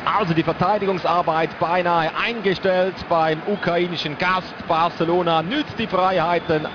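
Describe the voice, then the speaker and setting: A man commentating on a televised football match, analysing play in short phrases. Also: on the high side. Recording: muffled broadcast audio over loud stadium noise. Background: stadium crowd noise.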